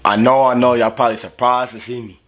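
Bright-voiced young man vlogging casually. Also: medium pitch, level tone, fast talker, soft background music. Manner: slangy, rambling, profane. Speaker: YouTube vlogger host. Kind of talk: casual mukbang chat. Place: fast-food restaurant.

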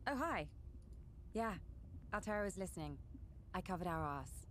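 A woman's voice: on the low side, expressive, moderate pace, fairly bright tone, a little hiss or hum. A sarcastic young woman diver. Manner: blunt, sarcastic. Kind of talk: video game dialogue.

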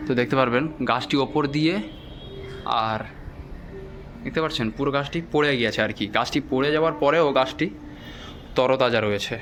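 A man giving a walking-tour vlog narration, speaking in a deliberately hushed, reverent way. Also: medium pitch. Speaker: vlog host and guide. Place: outdoors in a cemetery. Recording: clearly noisy on-location ambient sound.

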